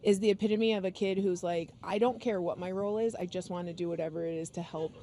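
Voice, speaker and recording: A woman's voice: on the low side, fairly even intonation, fast talker, dark tone. Woman coach, middle-aged, chatty and joking, loose filler-laden talk. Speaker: head basketball coach. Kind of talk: casual interview chat.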